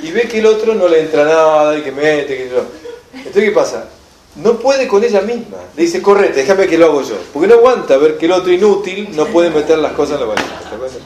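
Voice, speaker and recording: Animated Rioplatense man lecturing, echoey room. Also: on the high side, a little fast. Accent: Rioplatense Spanish. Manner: animated storyteller, acts out shouted quotes. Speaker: enneagram teacher. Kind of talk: lively seminar lecture.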